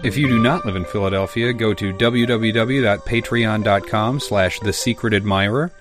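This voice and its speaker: A man with a fairly low voice talks casually as a podcast host, swearing freely. Prominent guitar music plays behind him. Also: moderate pace. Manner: informal, sweary. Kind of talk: casual chat.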